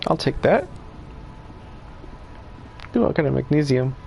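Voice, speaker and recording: Slow, gravelly male streamer. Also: mid-range voice, animated, a little mellow, a little hiss or hum. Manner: laid-back, laughing, cussing. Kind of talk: casual gameplay commentary.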